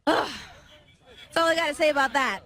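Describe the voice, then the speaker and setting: A high-voiced woman co-hosting a live broadcast outdoors in the cold. She speaks in a plain, blunt, casual way. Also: brisk, bright, forceful tone. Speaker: co-host. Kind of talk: casual commentary.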